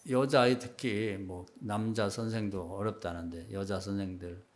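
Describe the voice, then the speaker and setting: A middle-aged man preaching a sermon as pastor, in a conversational style that rises to loud emphatic peaks and drops to quiet asides. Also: fairly even intonation, moderate pace. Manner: conversational preaching, acts out quoted remarks in a low hushed voice.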